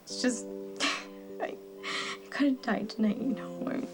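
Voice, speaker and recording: A woman's voice: a little high, fairly even intonation, a little slow, music in the background, lightly acted. An actress playing a shaken woman recovering in a hospital bed after a fire, soap opera style. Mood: tearful. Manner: hushed, shaky, half-whispered.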